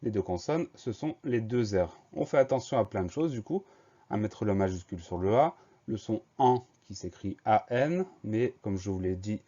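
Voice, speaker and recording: Man, spelling lesson teacher, careful letter-by-letter spelling, mellow, dull lo-fi sound. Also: lowish voice, lively intonation, normal speed. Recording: dull lo-fi recording.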